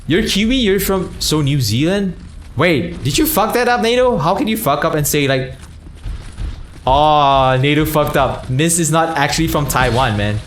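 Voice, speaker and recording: A man's voice: on the high side, expressive, normal speed, a little hiss or hum. A young man from Malaysia chatting casually on a game livestream, rambling between topics and thanking viewers by name. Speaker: streamer.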